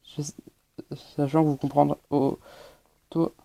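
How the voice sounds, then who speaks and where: A man's voice: fairly high pitch, little pitch movement, unhurried, creaky, dark tone. A man giving hesitant, explanatory gameplay commentary as a channel host, with many fillers.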